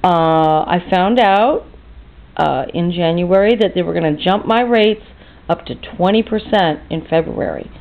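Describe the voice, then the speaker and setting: A woman's voice: fairly low pitch, unhurried. A tired American woman in her fifties, chatting and ranting indignantly in a rambling vlog monologue. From United States. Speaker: vlogger. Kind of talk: casual monologue rant. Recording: tinny phone-like audio.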